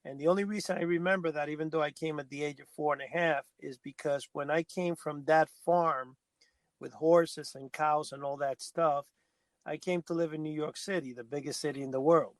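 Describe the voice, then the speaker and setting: A man from Cuba co-hosts a podcast, telling a long story in a rambling, casual way and often correcting himself. His voice is a little high with a steady tone and moderate pace, and there's no echo.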